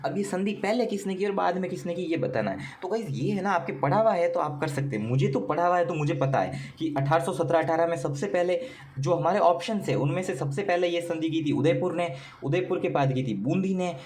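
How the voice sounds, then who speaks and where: Fast-talking male exam coach. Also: a little high, lively intonation, darkish tone, a little hiss or hum. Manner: quick, rhetorical questions answered himself. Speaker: teacher. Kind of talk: exam paper solution lesson. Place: coaching class recording.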